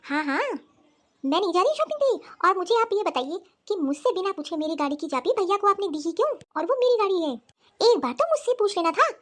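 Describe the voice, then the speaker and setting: Woman voicing a shrill indignant young wife. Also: expressive, brisk. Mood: demanding. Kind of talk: cartoon voice acting.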